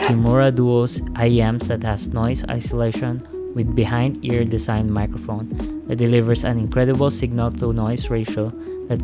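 Male gadget reviewer, friendly and casual, addresses viewers directly, medium pitch, music running underneath. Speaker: tech reviewer. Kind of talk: product review narration. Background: background music.

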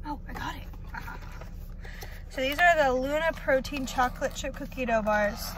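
The audio is poor, with slight background noise, as a young woman of eighteen vlogs from a car parked at night with her phone camera close. Her high-pitched, fairly bright voice keeps a moderate pace, and her chat is casual, self-mocking and full of swearing.

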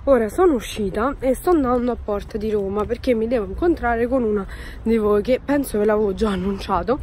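A woman's voice: fairly high pitch, a little fast, a little mellow, a little hiss or hum. A young woman vlogger, chatting casually with lots of fillers and jokes into a handheld phone. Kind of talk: casual vlog chat.

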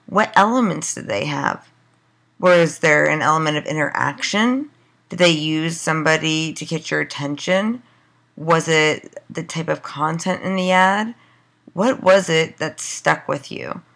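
A woman with a hoarse voice, as she is losing it, giving a recorded class lecture in a loose style full of fillers and rhetorical questions. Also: deep voice, a bit bright. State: losing her voice.

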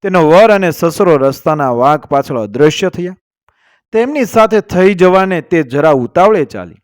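A man narrating a village story in a steady, literary reading voice, reading the quoted lines as part of the telling. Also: fairly high pitch, normal speed, no room sound, studio quality.

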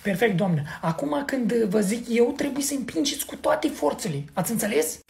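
A man's voice: very high-pitched, big pitch swings, vocal fry, darkish tone, heavily acted. A man doing a formal country doctor. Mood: instructive. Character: calm middle-aged male country doctor.

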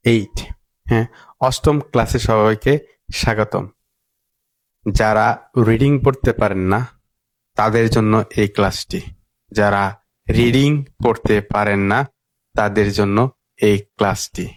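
A man's voice: fairly low pitch, fairly even intonation, no room sound. Dry-sounding man teaching words. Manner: slow, repetitive drilling of words. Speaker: English teacher. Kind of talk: spoken language lesson.

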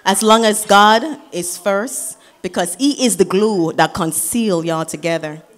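A woman giving a wedding toast as the groom's sister, preaching and building to shouted declarations in a reception hall. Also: mid-range voice, a little slow.

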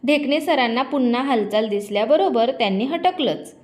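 A woman narrating a children's storybook in a lively, expressive way. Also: sits high, normal speed.

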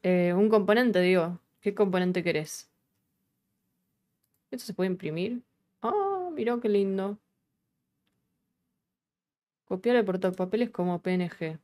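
A woman's voice: mid-range voice, lively intonation, measured pace, pauses often, mellow. A woman with a Rioplatense Argentine accent hosting a casual live coding stream, chatting as she works, thinking aloud and swearing casually. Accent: Rioplatense Argentine Spanish.

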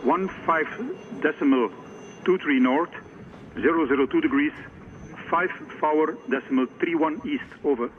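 Coast guard guy on marine radio, formal call stuff, reads coords slow and steady, muffled radio sound with static hiss. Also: on the high side. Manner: measured, reads out coordinates, ends with over. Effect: marine radio transmission. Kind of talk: formal radio procedure calls.

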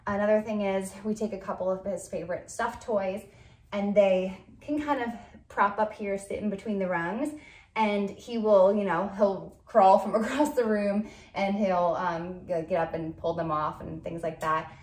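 A woman's voice: medium pitch, fairly even intonation, normal speed, darkish tone. A young woman giving a casual product review and demo in her living room, chatty, with lots of ums and likes. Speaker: parenting vlogger. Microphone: far camera. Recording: roomy sound from a distant camera mic.

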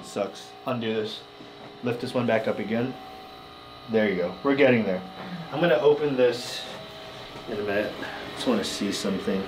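A chiropractor in his thirties talks casually with a patient in a small treatment room, giving short instructions and checking in reassuringly. His voice is lowish, his pace moderate with long pauses, and there's background noise.

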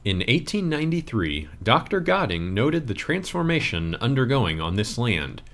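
A man reading a scripted audio tour narration in a measured, expressive way. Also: medium pitch.

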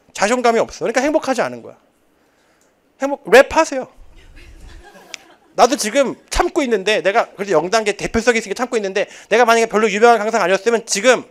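High-voiced male English test instructor in his thirties, animated and jokey, given to chatty tangents mid-lecture. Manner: joking, chatty, rambling asides. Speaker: TOEIC instructor. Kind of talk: lively classroom lecture. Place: lecture classroom.

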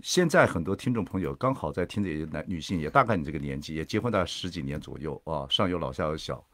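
A man's voice: rumbling low, animated, quick pace, fairly bright tone, no room sound. A man hosting a radio talk show, teasing his guest and cutting in with jokes. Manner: teasing, jokey, interjects often. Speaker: radio host. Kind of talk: casual radio interview.

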